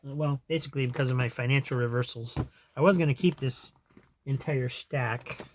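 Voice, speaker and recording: A man's voice: medium pitch, fairly even intonation, brisk, a little hiss or hum. A man in casual chat as a comic collector vlogger, rambling, trailing off and chuckling to himself as he goes.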